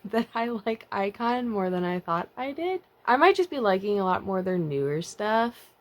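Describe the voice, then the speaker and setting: Young female vlogger, middle pitch, very animated intonation, chatty and self-deprecating. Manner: chatty, self-mocking, giggly asides. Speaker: K-pop vlogger. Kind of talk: casual monthly review vlog.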